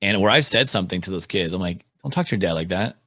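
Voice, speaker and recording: A man hosts a podcast, talking quickly in a low voice. His delivery is chatty and loose, full of "like". The sound is close and dry. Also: lively intonation, a bit bright, no room sound. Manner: quick and chatty, uses "like" a lot. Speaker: podcast host. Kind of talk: casual conversational interview.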